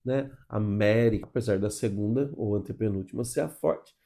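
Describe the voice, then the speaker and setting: A man's voice: fairly low pitch, fairly quick, warm tone. A man from Brazil with a Brazilian Portuguese accent, teaching English pronunciation in an explanatory online lesson. He keeps checking in with short tags and asks and answers his own questions. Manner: didactic, checks in with frequent "tá?" and "ok?" tags.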